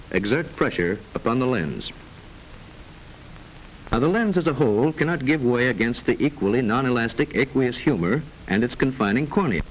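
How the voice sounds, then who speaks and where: On a poor-quality old film soundtrack with slight hiss or hum, a man of medium pitch narrates a mid-century educational film. His delivery is formal, measured and instructive, with careful enunciation.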